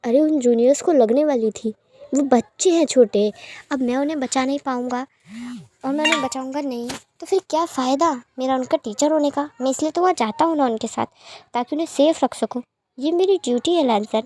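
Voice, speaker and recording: A woman's voice: high voice, a little fast, mellow. A woman voicing a playful young male teacher who coaxes and pleads with his angry lover in a storybook reading. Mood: pleading coaxing. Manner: coaxing, pleading, teasing.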